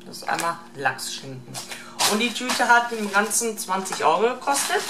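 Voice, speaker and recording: Woman, middle-aged, casual unscripted vlog talk, halting listing, distant camera mic, clearly noisy background. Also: medium pitch, big pitch swings, echoey room. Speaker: vlogger showing a shopping haul. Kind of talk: casual unscripted haul commentary. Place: home kitchen, indoors. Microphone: camera mic at a short distance.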